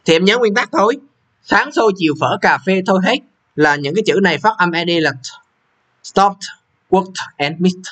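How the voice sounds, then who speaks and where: A man's voice: high voice, animated, fast, a bit bright. A young man, walking students through an English exam, repeating question numbers and checking they follow. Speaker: English teacher. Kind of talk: exam walkthrough lesson.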